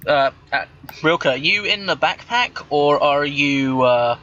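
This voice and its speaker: A man narrating as game master over a voice call, patient and halting as he describes the scene. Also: on the high side, lively intonation, pushed and bright, muffled recording.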